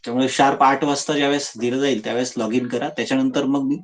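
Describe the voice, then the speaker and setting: A man's voice: mid-range voice, level tone, fast. A man teaching an online class, spelling words letter by letter and laying down firm rules. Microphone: video call.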